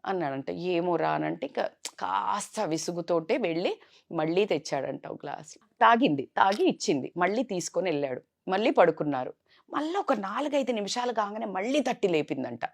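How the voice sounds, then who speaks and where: A woman vlogger earnestly telling a moral story to a listener, shifting between loud and hushed. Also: medium pitch, lively intonation, brisk, gravelly.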